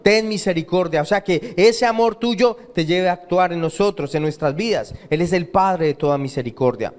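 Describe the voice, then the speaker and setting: In a church sanctuary, a high-voiced male pastor preaches a sermon emphatically. He repeats key phrases and pauses so the congregation can fill in his questions.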